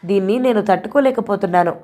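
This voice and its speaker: A young newlywed wife, hurt and pleading, pours out her complaints to a close friend, voiced by a woman reading an audio novel. Her medium-pitched voice stays close to an everyday speaking tone. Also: fast talker, mellow, natural voice.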